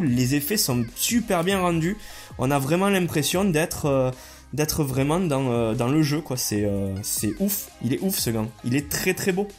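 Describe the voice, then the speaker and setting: A man from France hosting a casual, enthusiastic unboxing vlog, talking loosely with lots of fillers. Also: on the high side. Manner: casual, enthusiastic, many fillers and hedging "hein", "quoi". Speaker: YouTuber. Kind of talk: unboxing and product review vlog.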